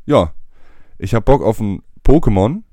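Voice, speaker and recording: A man's voice: lowish voice, expressive, measured pace, dark tone, no room sound. Slangy young man, dry close sound. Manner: slangy, rambling, laughs often. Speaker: podcast co-host. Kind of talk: casual chat.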